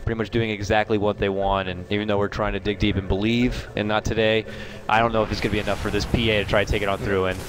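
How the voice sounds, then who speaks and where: A man's voice: lowish voice, level tone, quick pace, few pauses, poor audio. A man calling a video game match with playful, upbeat play-by-play. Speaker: esports commentator. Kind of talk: casual esports commentary.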